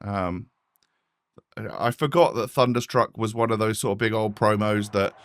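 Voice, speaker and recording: Speaking at a normal pace in a lowish voice, a tired British man with a slightly stuffy nose hosts a gaming session. His commentary on the gameplay is casual and chatty.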